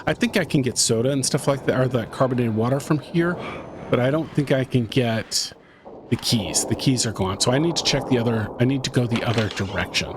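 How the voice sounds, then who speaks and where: A man's voice: mid-range voice, a little fast, background noise. Man narrating his horror game run. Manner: tense running commentary, muttering to himself. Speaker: gaming YouTuber. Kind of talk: let's-play commentary.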